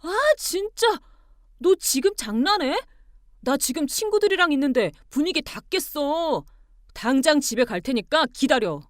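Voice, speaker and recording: A woman voicing an angry young husband who shouts and bullies his wife. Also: a little high, expressive, normal speed, hardly any pauses, no echo, clean studio sound, close to an everyday voice. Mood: angry shouting. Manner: shouting, indignant, stammering when cornered.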